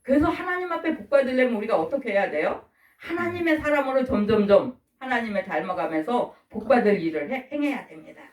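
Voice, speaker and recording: A woman's voice: a little high, animated, a little fast, a little mellow. A middle-aged woman preaching a sermon, asking the listeners questions and acting out the voices she quotes. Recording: echoey room from far off.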